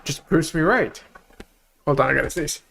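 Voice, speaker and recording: A man's voice: fairly high pitch, normal speed, vocal fry, a bit bright, a little hiss or hum. A man co-hosting a casual true-crime podcast, easygoing, telling the case plainly. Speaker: podcast co-host.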